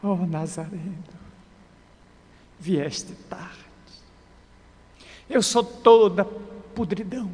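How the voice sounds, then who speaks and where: A man voicing a feverish, dying leprous woman who pleads urgently, in a long-reverb lecture hall. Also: high-pitched.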